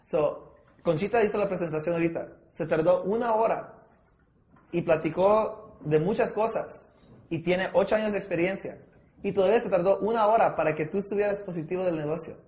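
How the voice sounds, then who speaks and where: In an echoey room, a man conducts role-play-based sales training, staging objections with his listeners, checking their understanding, and mixing in English words. His voice is high and darkish, and he speaks briskly.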